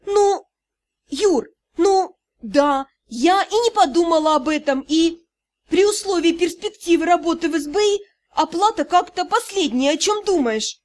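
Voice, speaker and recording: A woman's voice: very high voice, expressive, measured pace, voice pushed up. A woman voicing a flustered young woman sleuth. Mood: defensive.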